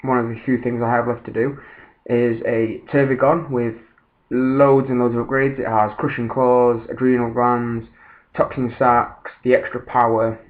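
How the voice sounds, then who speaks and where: A man with a mid-range voice casually narrates a tabletop battle recap as a wargamer presenting a battle report, speaking at normal speed in a level, hesitant, informal way. The voice-over was recorded at a laptop on its built-in microphone, so it sounds band-limited, phone-like, and slightly distant.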